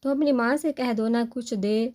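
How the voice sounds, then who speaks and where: A woman's voice: on the high side, darkish tone, voice pushed up, lightly acted. A woman voicing an affectionate, protective grandmother in a storybook reading. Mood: doting.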